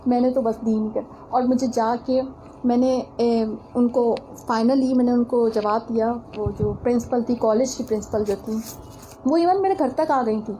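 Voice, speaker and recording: A high, mellow-toned woman gives a religious lecture. She tells stories from her own life in an earnest way and keeps turning to her audience as she speaks. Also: a little hiss or hum, poor audio. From Pakistan. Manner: earnest, storytelling, addresses listeners directly. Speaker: religious teacher. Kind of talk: religious lecture with personal anecdote.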